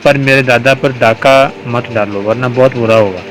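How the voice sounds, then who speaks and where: A man's voice: mid-range voice, steady tone, fairly bright tone, soft background music, close to an everyday voice, poor audio. A man reading aloud the lines of a confident, protective young wife in a storybook, in a firm, reassuring way.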